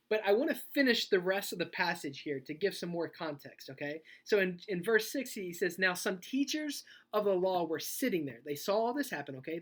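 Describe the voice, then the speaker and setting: A woman youth pastor preaching a casual, animated sermon, telling a story and checking in often with her listeners. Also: fairly low pitch. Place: church youth service.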